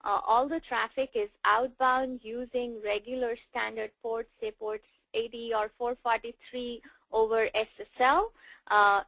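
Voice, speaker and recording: A woman's voice: fairly high pitch, lively intonation, measured pace, creaky, fairly bright tone, no room sound, low-quality recording. A woman presenting in a technical webinar, explaining networking details with frequent fillers.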